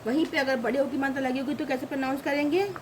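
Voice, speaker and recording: Brief: high-pitched woman teacher, slow and patient, repeats each word, faint background noise. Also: steady tone, a little mellow, poor audio. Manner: repeats each example word, asks the class questions. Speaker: grammar teacher. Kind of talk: slow spoken lesson.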